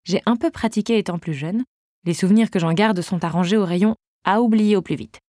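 A woman's voice: medium pitch, fairly quick, warm tone, no echo. A woman narrating a story in the first person with a wry, dry-humored delivery. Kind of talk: audiobook reading.

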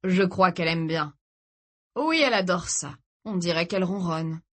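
A woman's voice: fairly low pitch, moderate pace, lightly acted. Woman voicing Mark, a taunting cruel captor. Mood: mocking. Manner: taunting, mock-gentle. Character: menacing cruel young male captor, mocking.

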